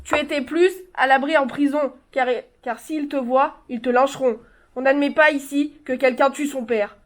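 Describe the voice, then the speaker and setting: A woman's voice: high voice, fairly even intonation, moderate pace, close to an everyday voice. A woman playing a frightened, grieving mother in a stage play, tense, scolding and pleading.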